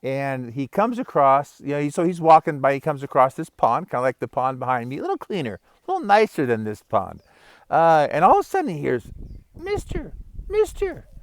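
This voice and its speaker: A man's voice: mid-range voice, sing-song, a little fast, dry recording. A middle-aged man, a vlogger and life coach, telling a funny story and giving life advice outdoors by a pond in a chatty, upbeat way. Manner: upbeat, chatty, chuckles often.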